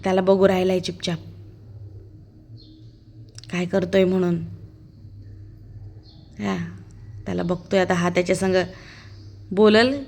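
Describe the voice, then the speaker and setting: A woman's voice: lowish voice, level tone, unhurried, vocal fry, long pauses, darkish tone. A woman giving a chatty, amused running commentary as a casual vlog voice-over, narrating as the child's aunt.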